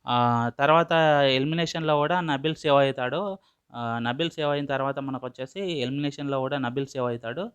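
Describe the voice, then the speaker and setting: A man's voice: mid-range voice, steady tone, fairly quick, fairly bright tone, clear, resonant tone. A man casually retelling a reality show episode, quoting everyone in his own voice, with loose fillers and restarts. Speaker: episode recap vlogger.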